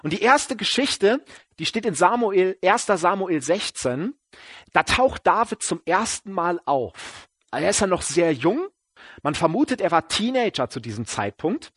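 A man delivers a sermon in a loose, colloquial way, voicing biblical figures as he tells their story. His voice sits high and sounds husky. The recording is dry, with no room sound around him. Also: moderate pace, no room sound. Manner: animated, slangy, acts out what biblical figures say. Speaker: preacher.

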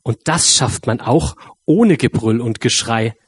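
A man reading a rhyming children's story aloud with a lively, drawn-out delivery. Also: mid-range voice, breathy edge, no room sound.

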